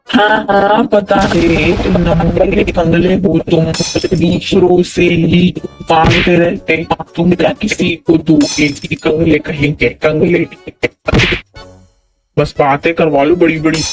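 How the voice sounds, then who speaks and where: A man's voice: fairly high pitch, close to an everyday voice. Man doing a taunting quarrelsome cartoon man. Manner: taunting, scolding, keeps asking "samjhe?". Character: quarrelsome bossy man scolding a coworker. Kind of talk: animated comedy dialogue. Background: background music.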